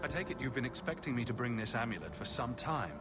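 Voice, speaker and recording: A man's voice: medium pitch, sing-song, fast, over loud music, natural voice. An actor playing a wry, self-assured human adventurer man with a flippant, probing manner in video game dialogue. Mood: curious, probing.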